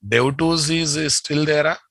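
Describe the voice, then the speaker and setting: A man's voice: fairly high pitch, steady tone, a little slow, gravelly, fairly bright tone, no room sound, clean studio sound. A man with a Telugu Indian accent teaches a live coding class, repeating his phrases and checking in with short tag questions. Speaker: programming instructor. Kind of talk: live coding lesson, addressing students.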